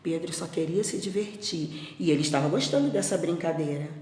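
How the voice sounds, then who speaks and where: Expressive teacher telling a story. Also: female voice, on the low side, fairly quick, a little hiss or hum. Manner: expressive, gentle, asks the children questions. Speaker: primary school teacher. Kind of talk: storytelling for children. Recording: echoey room with long reverb.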